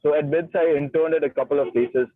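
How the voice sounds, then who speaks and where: A man's voice: fairly high pitch, steady tone, fast, dry recording. Male founder-guest, educated Indian English accent, conversational, ends points with "right?", slightly raised voice over a narrow phone-like connection. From Gujarat, India. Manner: often tags statements with "right?". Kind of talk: conversational personal account in an online interview. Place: online call from a moving car. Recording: thin, muffled radio-like call audio.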